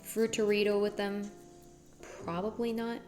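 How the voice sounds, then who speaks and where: A woman's voice: medium pitch, level tone, unhurried, darkish tone. A woman chatting playfully to her viewers while she cooks in a kitchen. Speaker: cooking streamer. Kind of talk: casual cooking chat. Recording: music playing behind.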